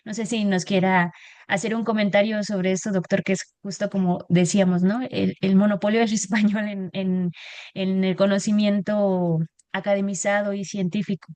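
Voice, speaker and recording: A woman's voice: mid-range voice, flat delivery, moderate pace, a little mellow, dry recording. Hesitant woman moderator, dry sound. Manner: hesitant, many fillers. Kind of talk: moderating a talk, reading comments.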